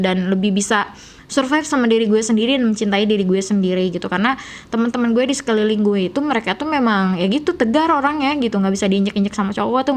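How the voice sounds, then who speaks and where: A young woman with a Sundanese accent, vlogging in a casual storytelling style. She talks softly and gently, rambling along with lots of fillers. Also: mid-range voice. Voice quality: soft, gentle way of speaking. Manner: chatty, rambling, many fillers.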